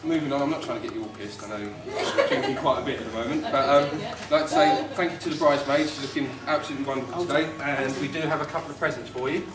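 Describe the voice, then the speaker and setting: A man's voice: medium pitch, rapid-fire, few pauses. A British man giving an informal, teasing wedding toast as the groom. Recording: distant mic, roomy, loud crowd noise. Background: noisy wedding guests.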